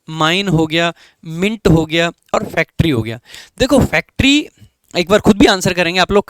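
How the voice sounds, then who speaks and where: High-voiced Indian man teaching English. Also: a bit bright, no echo. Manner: explains each option step by step and often checks in with "ठीक है". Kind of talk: online exam-prep lesson.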